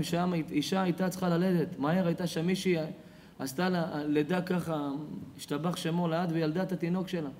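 A man giving a sermon as a rabbi, telling stories dramatically and swinging from loud cries to hushed, near-whispered lines. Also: a little high, slight background noise.

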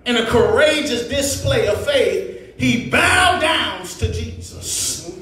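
A man with a very high, expressive voice preaches to his congregation in an impassioned, oratorical style full of rhetorical repetition. He starts in measured phrases and builds to shouts, heard through a distant microphone in an echoey hall.

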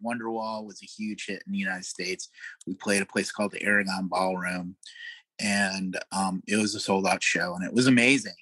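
A middle-aged man, a guest musician, telling animated road stories in a casual interview, laughing often and pausing on fillers. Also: low voice, no echo, poor audio.

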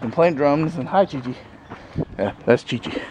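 A vlogger in his thirties rambles casually to a handheld camera held at arm's length in a sunny backyard, full of fillers and chuckles. His voice is fairly high and slightly mellow at a normal speed, and the rough recording carries faint outdoor noise.

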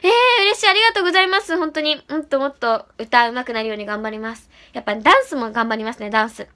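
Fast-talking high bright young woman. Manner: bubbly, often repeats "really". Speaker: idol livestreamer. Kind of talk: reading out and answering live chat comments.

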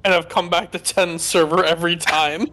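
A man's voice: fairly high pitch, fairly even intonation, moderate pace, crowd noise. A man in casual gaming chat, sounding exasperated as he reports his troubles to friends. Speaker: fellow player.

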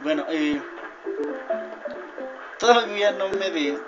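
A young man talks his way through a video game, rambling, drifting off topic and shouting whenever something goes wrong. His voice sits a little high for a man. The audio is dull and lo-fi, with loud game music playing underneath. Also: slow pace. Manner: rambling, easily distracted, shouts at game mishaps. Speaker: gamer. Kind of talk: gameplay commentary.

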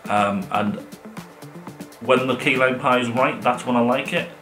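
Sitting on a living room sofa indoors, a middle-aged man co-hosts a restaurant review vlog, chatting casually and enthusiastically to camera. His medium-pitched voice is a little slow, with room echo and background music.

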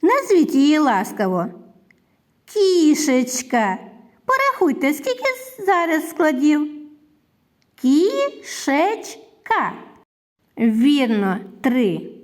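A woman teaching young children a reading lesson, slowly drawing out syllables and sounds with sing-song praise. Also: high voice, very animated.

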